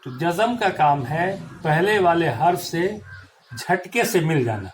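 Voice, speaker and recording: A man with a slightly raised voice teaches a grammar lesson, slowly and patiently spelling out letters and marks. A faint hum of room ambience sits underneath. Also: a little high, animated, rough recording.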